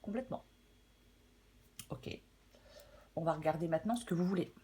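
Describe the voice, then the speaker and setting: A slightly hoarse woman giving a casual, chatty weekly tarot reading, with many fillers and some throat clearing. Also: fairly low pitch, normal speed, dark tone. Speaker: tarot reader.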